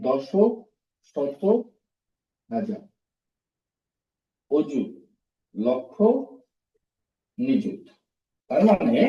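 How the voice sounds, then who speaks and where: A man teaching a recorded primary school math lesson in a classroom, with a fairly high voice. He works through each step slowly, repeats the terms and keeps putting questions to the pupils. He sounds distant from the mic, in an echoey room, with a dull, muffled tone. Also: dark tone.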